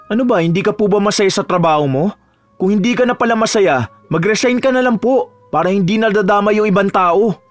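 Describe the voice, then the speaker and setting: A man's voice: high voice, lightly acted. A man playing a fed-up young student. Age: young adult. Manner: pleading, then indignant and cutting. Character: polite but fed-up young male student.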